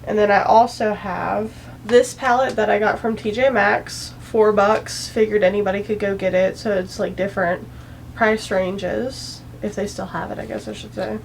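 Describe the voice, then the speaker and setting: A woman's voice: medium pitch, fairly even intonation, normal speed, gravelly, a little hiss or hum, poor audio. A young woman chatting casually through a makeup tutorial, rambling and self-deprecating, a bit anxious and out of breath. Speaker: beauty vlogger.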